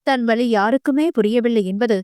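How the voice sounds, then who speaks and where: High-voiced woman narrating a novel. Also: moderate pace, darkish tone, no echo, studio quality. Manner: dramatic, emotive. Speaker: audiobook narrator.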